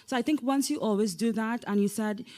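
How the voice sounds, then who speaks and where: Woman panelist, mellow dark tone, practical and direct. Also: fairly high pitch, a little fast.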